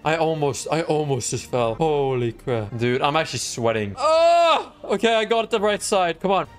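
A young man with a notably high voice gives jumpy, panicky live game commentary, yelping and crying out as he plays. Soft music runs faintly underneath. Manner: excitable, panicky, yelps and shouts in alarm. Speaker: gaming channel host.

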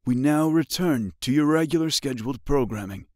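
A man's voice: mid-range voice, expressive, moderate pace, a little mellow, no room sound, studio quality, natural voice. A man voicing an urgent male radio news announcer reading a formal bulletin. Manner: formal, clipped bulletin delivery.

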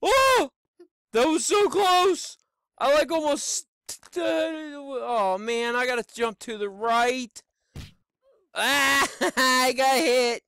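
A middle-aged man doing Let's Play commentary on a headset mic in a small home room, exclaiming and shouting as he plays. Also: very high voice, drawn-out words, clean tone, no room sound, studio quality. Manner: excitable, exclaims and shouts while playing. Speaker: gaming YouTuber.

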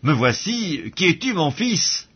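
Old father figure voiced by a male reader; solemn, husky, muffled audio. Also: a little high, very animated, measured pace, voice pushed up, full character voice. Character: old blind father blessing his son. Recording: dull lo-fi audio.

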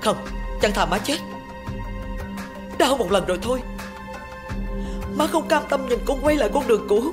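A woman's voice: a little high, lively intonation, moderate pace, music in the background, natural voice. A middle-aged woman playing a distraught mother in a TV drama, speaking in an anguished, commanding way. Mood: desperate. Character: distraught mother threatening her own life. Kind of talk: TV drama acting.

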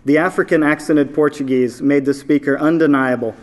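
A man reading his own story aloud at a live event. He narrates in a measured, steady storytelling manner. His voice sits a little high for a man.

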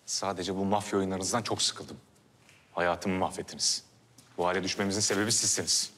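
A bitter defiant captive. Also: male voice, deep voice, fairly even intonation, brisk, fairly bright tone, long reverb tail.

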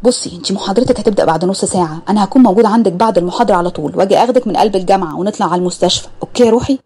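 A woman voicing a confident, affectionate young male surgeon, in an Egyptian accent, talking in a smooth, reassuring way. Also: mid-range voice, rapid-fire, a little mellow, natural voice. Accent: Egyptian Arabic.

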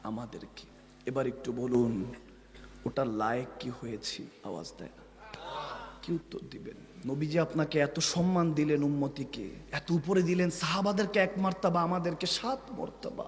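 Fervent high-voiced male preacher in a hall. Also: moderate pace, noisy background. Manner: impassioned, swings from soaring shouts to hushed asides; rhythmic repetition, asks the crowd for replies. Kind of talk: Islamic sermon.

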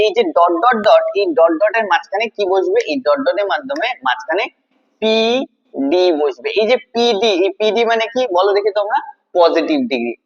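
Male tutor, high voice, quizzes and answers himself, repeats key words; muffled low-fi recording. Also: vocal fry. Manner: asks questions then answers them, repeats key words. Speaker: English grammar teacher. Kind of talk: classroom-style video lesson.

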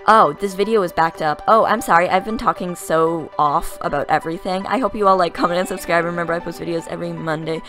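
Giggly, fast-rambling young woman. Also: fairly low pitch, fairly bright tone, soft background music. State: dry throat. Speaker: gaming YouTuber narrating a speed build. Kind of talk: casual voice-over chat.

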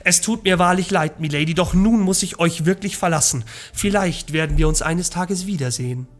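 A man's voice: high-pitched, moderate pace, faint music behind, voice pushed up, natural voice. A man voicing a cunning, theatrical male elf thief in a storybook read from a game. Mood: mocking.

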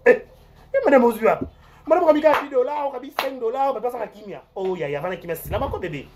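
An online show host with a Congolese accent, giving rambling, animated gossip commentary that repeats words and swings between loud outbursts and mutters. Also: medium pitch, quick pace, a crowd in the background.

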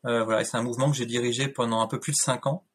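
Husky man in his thirties on a video call. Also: mid-range voice, fairly even intonation, very fast. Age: 30s. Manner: thoughtful, many fillers and restarts. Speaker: guest. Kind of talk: casual interview talk. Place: home room, indoors.

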